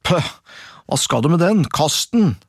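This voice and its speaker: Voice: mid-range voice, expressive, dry recording, clean studio sound, voice pushed up. A storyteller voicing two scornful older brothers in a folk tale, scolding and dismissive. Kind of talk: storybook reading.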